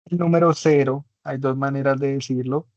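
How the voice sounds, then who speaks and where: A man's voice: mid-range voice, fairly even intonation, normal speed, a little mellow, no room sound, muffled recording. A man teaching an English class in Spanish, his first language, patiently explaining and checking understanding with tag questions. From Latin America.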